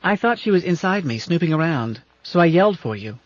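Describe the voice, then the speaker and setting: A man's voice: sing-song, a little fast, no echo. A man reading an audiobook voices a timid, tearful female ship computer that sounds like a little girl and sometimes swears. The recording is dull and lo-fi. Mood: timid, pleading. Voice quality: childlike, squeaky. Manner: whiny, pleading.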